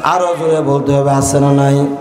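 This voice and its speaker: A man preaching a waz sermon, chanting and shouting lines and calling on the crowd to answer back. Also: mid-range voice, flat delivery, normal speed. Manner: chanting, shouting refrains, calls crowd to respond. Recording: echoey outdoor PA with long reverb.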